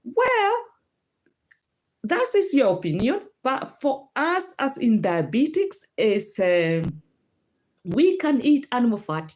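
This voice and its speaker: A Kenyan woman with a mid-range, slightly mellow voice hosts a casual health talk on a livestream. She answers viewer comments, using lots of fillers and restarting often. The audio comes through a phone or laptop.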